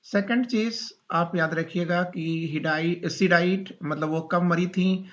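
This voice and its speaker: A man teaches a class, speaking slowly and repeating each point so students can write it down. His voice sits a little on the high side. The recording is dull and lo-fi. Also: steady tone, fairly bright tone. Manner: slow, repetitive dictation with questions to students. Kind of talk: classroom lecture.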